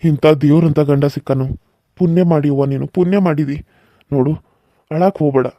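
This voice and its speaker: A man voicing an elderly village father in a cartoon serial, speaking in a slow, emotional, folksy way with a North Karnataka Kannada accent. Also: on the high side, fairly even intonation, warm tone, no echo, muffled recording, natural voice. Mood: consoling.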